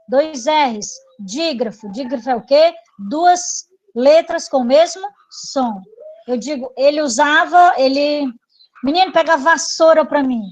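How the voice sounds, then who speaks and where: A woman with a high-pitched voice and a Brazilian Portuguese accent runs an online grammar review. She explains patiently, repeats examples, and checks in with her students. The audio quality is poor.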